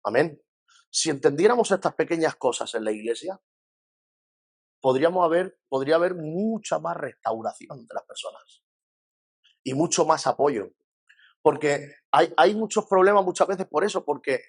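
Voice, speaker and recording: Speaking at normal speed in a slightly rough voice on the high side, a man with a Spain Spanish accent leads a church lesson as a pastor. He keeps it lively and conversational, voicing other people's words and asking rhetorical questions.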